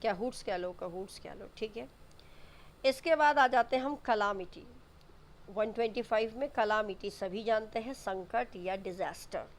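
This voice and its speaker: A woman teaches exam vocabulary in an easy, patient way, repeating each word and spelling it letter by letter. Her voice sits at a middle pitch. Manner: mixes Hindi explanations with English definitions. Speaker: English teacher.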